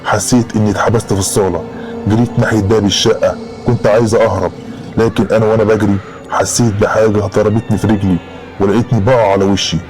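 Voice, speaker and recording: A man's voice: lowish voice, flat delivery, fast, darkish tone, faint music behind. A man with an Egyptian Arabic accent narrating a horror story in the first person, in a dramatic storytelling style.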